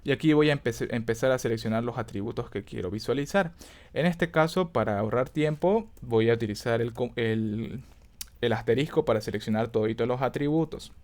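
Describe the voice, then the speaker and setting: Man, teacher, mid-pitched voice, screen-recorded lesson, step by step, checks students follow, self-correcting, keyboard typing behind. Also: a little fast, a little mellow. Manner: self-correcting, thinks aloud.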